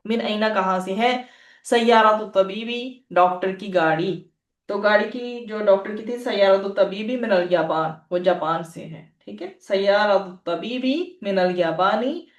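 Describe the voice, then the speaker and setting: A woman teaches an Arabic lesson at a patient pace, repeating each phrase and checking that her students follow. Her voice sits at an ordinary middle pitch. The room around her is roomy and echoey. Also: a little slow, recorded from a distance, dull audio. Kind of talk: language lesson.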